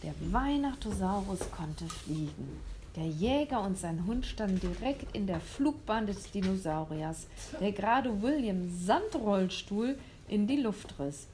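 A woman reading a children's story aloud, lively and expressive, with small slips. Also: medium pitch, a little slow, a little hiss or hum.

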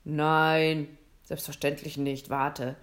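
A woman playing a booming, jolly Santa Claus. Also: flat delivery, slow. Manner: loud, playful, theatrical.

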